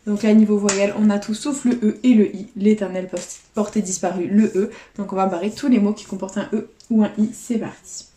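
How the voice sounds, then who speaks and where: A woman's voice: medium pitch, fairly even intonation, fairly quick, few pauses, mellow. A woman vlogger chatting casually as she scratches lottery tickets, counting out letters and numbers. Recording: echoey room.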